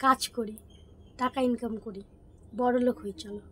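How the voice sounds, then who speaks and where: Hoarse, high-pitched young woman ranting. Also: steady tone, moderate pace, slight background noise. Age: early 20s. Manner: complaining, rising to loud exasperated outbursts. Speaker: vlogger. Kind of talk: casual vlog rant.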